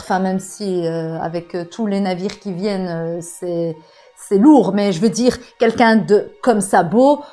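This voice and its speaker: An excitable woman reading a comic aloud and reacting as she goes, swearing freely and stumbling over fillers. Her pitch sits in the middle, and faint music plays underneath her talk. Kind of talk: casual live reaction reading.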